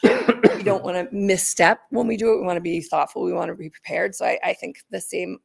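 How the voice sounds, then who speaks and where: A woman's voice: fairly low pitch, fairly even intonation, brisk, gravelly, husky. A woman from the school staff explaining survey results at a meeting, earnest, and losing her voice. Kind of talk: meeting presentation.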